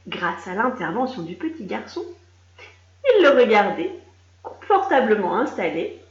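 Lady reading a kids story, talks to the kid, roomy echo, a bit dull sounding. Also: mid-range voice. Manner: slow, expressive, addressing a child. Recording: roomy, slightly dull recording.

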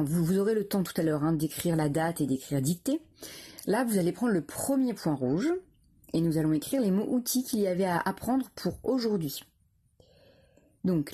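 Female teacher, patient dictation, soft husky tone, lively pitch. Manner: slow, careful, syllable-by-syllable dictation with repetitions. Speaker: primary school teacher. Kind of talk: dictation lesson for young pupils.

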